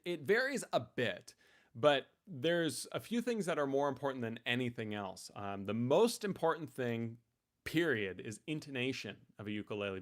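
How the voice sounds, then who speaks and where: Laid-back male ukulele instructor answering viewer questions live on a desk mic, easygoing and full of ums. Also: mid-range voice. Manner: relaxed and chatty, many ums and restarts. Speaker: ukulele teacher hosting a live Q&A. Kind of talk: casual live-stream Q&A.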